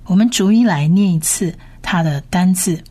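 A woman teaching a slow Bible pronunciation lesson, patiently repeating each syllable and word several times. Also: fairly low pitch, dark tone. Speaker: Hebrew teacher.

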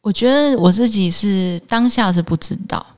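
A woman, a Buddhist nun, telling her life story in an interview, animated and often laughing. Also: mid-range voice, moderate pace. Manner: emotional, animated retelling with laughs.

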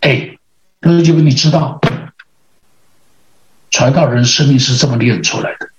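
A male pastor with a Taiwanese Mandarin accent delivers a storytelling sermon and plays out each exchange in his tale. His voice sits at a middle pitch and sounds roomy. The audio is a little dull. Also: moderate pace, a little hiss or hum. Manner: lively anecdotal, acts out dialogue.

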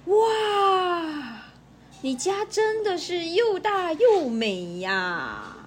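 A woman's voice: very high-pitched, big pitch swings, extremely slow, pitched above the performer's own voice, heavily acted. A woman voicing a small, timid male country mouse who is awed and easily frightened. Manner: wide-eyed, awed and shaky.

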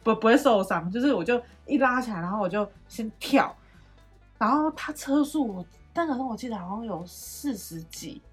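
A young woman co-hosting a casual chat, retelling a story with animated, swearing quotes. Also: on the high side, moderate pace, husky, faint music behind. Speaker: podcast co-host.

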